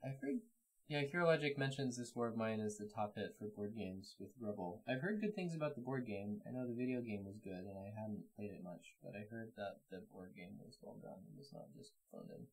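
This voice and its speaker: A woman with an unusually deep voice plays a board game alongside the host. She speaks in a low-key way and drops dry remarks between turns. The talk is casual and relaxed. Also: fairly quick, poor audio.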